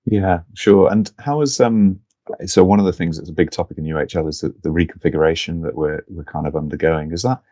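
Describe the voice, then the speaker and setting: A man with a very deep, dark voice hosts a podcast and asks friendly, loosely phrased questions. His audio is muffled and lo-fi, with a dry, close sound. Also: fairly quick, dry recording. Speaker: podcast host. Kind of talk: casual interview questions.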